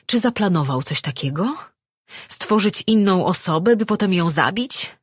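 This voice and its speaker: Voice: mid-range voice, moderate pace, no echo, studio quality, close to an everyday voice. A narrator voicing a young man, a created being, who argues in anguish and accusation in an audiobook reading. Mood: desperate. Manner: anguished, pleading, then accusing.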